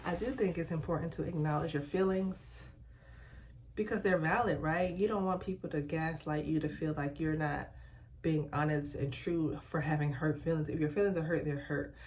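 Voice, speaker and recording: A young woman vlogger chatting candidly in a hushed, halting, reflective way while doing her skincare in a bathroom at home. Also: low-pitched, fairly even intonation, a little hiss or hum. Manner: hushed, so as not to be overheard. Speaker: lifestyle vlogger.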